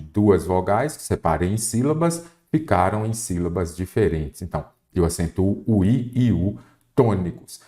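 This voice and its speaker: In a low, mellow voice, a Brazilian man walks through a Portuguese exam-prep lesson one step at a time. His teaching style is didactic, and he keeps asking the viewer questions.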